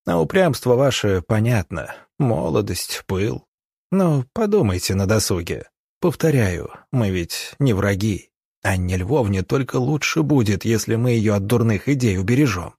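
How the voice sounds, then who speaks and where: Man doing a sly middle-aged gendarme, smooth veiled threats, low husky voice. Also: expressive, a little slow, a little mellow, no echo, clean studio sound, full character voice.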